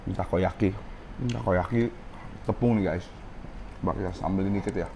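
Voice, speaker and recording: A man's voice: sits low, a little fast, vocal fry, dark tone, a little hiss or hum. A man, reviewing food in a casual vlog in a ramen restaurant, chatting to viewers as he tastes, a bit of a sore throat. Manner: chatty, keeps saying guys, tastes as he talks. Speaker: food vlogger.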